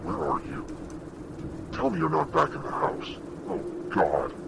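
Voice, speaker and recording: A man's voice: mid-range voice, wildly swooping pitch, a little slow, gravelly, full character voice. A man playing an anonymous caller whose voice is altered by an electronic voice changer, urgent and pleading, heard over a phone line. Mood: frantic warning. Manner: urgent, pleading, swinging from hushed to shouting. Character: frantic anonymous male caller, warning desperately. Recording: noisy late-night phone call.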